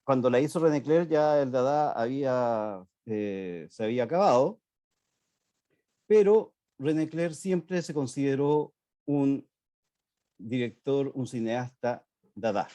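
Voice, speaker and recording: A man's voice: mid-range voice, lively intonation, slow, mellow, no room sound. A man lecturing on art history, explaining images and addressing his audience directly. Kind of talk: online art history talk.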